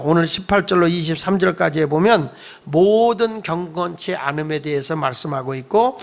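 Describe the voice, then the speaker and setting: A man's voice: sits high, vocal fry. A male pastor preaching a youth service sermon in a conversational storytelling way, asking the congregation questions.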